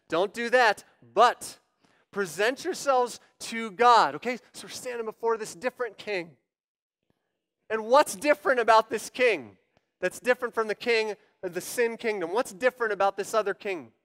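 High, clear-voiced male preacher. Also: fairly bright tone. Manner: emphatic, acting out quoted voices. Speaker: pastor. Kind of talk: sermon. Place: church sanctuary.

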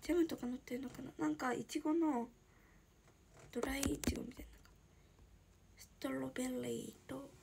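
Young woman, 18, from shizuoka, livestream chat, soft near-whisper delivery, high pitch, slight vocal fry. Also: fairly even intonation, normal speed, long pauses, a little hiss or hum. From Shizuoka, Japan. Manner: soft-spoken, often drops into a breathy whisper. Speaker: idol livestreamer. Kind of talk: casual livestream chat reading viewer comments.

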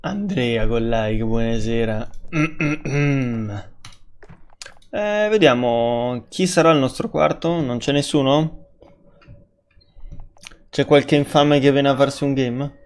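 A man's voice: medium pitch, slow, pauses often. A man streaming a game, chatting casually, laughing often and swearing when surprised. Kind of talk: casual gaming stream chat.

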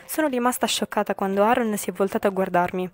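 Woman streamer reading a visual novel out loud, lots of slips and fixes, chatty comments in between. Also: mid-range voice, fast talker, faint music behind. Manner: reads with frequent slips and self-corrections; chatty asides with English swearing. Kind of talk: reading a game aloud with casual commentary.

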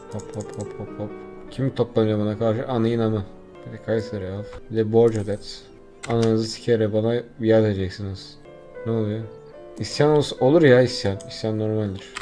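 A man's voice: on the low side, dark tone. A young man giving casual, swearing commentary while playing a strategy game and talking back to the units on screen. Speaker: gameplay streamer.

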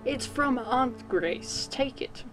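A woman's voice: high voice, lively intonation, slow pace, music in the background, poor audio. A woman playing a condescending male asylum doctor in a put-on British accent, with a clipped, patronizing bedside manner. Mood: instructing.

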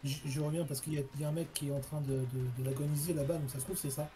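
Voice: mid-range voice, fairly even intonation, rapid-fire, mellow, soft background music. A co-op gaming partner talking tersely in a casual chat and swearing when frustrated.

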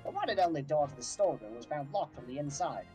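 A woman acts out a blustering middle-aged male British inspector from a detective game. The voice is low and swings widely in pitch, with a sarcastic, self-important edge. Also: expressive, quick pace, music in the background. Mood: mock-humble. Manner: curt, blustering, mock-humble. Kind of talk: amateur voiced read-through of a game.

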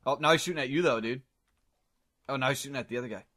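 A man playing a video game with friends, calling out excitedly, his voice cracking high when he panics. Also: racing. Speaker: gamer. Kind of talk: excited gaming commentary.

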